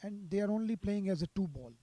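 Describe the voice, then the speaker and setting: High, very mellow male golf commentator. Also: lively intonation, fast talker, no room sound. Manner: sympathetic toward players.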